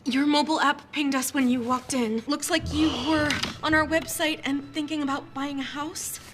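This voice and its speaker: Woman acting a high-voiced chirpy bank teller. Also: steady tone, normal speed, noisy background, natural voice. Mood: chirpy, helpful. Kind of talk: comedic advert acting. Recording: music behind advert dialogue.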